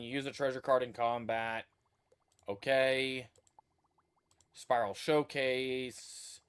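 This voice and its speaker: A man's voice: mid-range voice, a bit bright, smooth. A man streams a video game and muses aloud as he plays. His casual talk wanders and trails off into restarts, in an ordinary mid-range voice. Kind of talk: casual livestream commentary.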